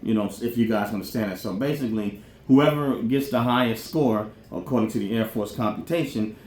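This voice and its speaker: A man on the low side of pitch, with a darkish tone and a slightly fast pace, hosts a podcast, rambling colloquially through an informal, off-the-cuff explanation of military careers. He frequently says "you know what I'm saying." Faint background noise and a roomy echo are audible.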